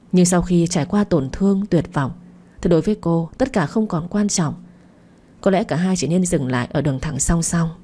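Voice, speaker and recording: A woman narrating a romance story for a late-night radio channel in a calm, even storytelling manner. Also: fairly low pitch.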